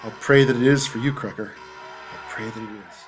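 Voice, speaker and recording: A man playing a steady, compassionate military chaplain, earnest and reassuring, in an audio drama. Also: mid-range voice, brisk, natural voice. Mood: gentle, consoling. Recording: music behind the voice.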